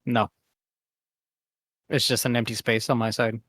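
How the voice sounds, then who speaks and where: A male player chats casually during a tabletop session. His pitch is ordinary for a man and the sound is dry, without room echo. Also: little pitch movement, unhurried, a bit bright. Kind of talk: casual chat.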